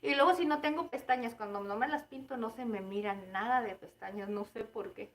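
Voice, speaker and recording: A woman's voice: on the high side, brisk. A woman in her thirties with a Mexican Spanish accent, hosting a cooking livestream and chatting casually with her viewers, giggling often. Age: 30s. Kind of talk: casual live chat with viewers.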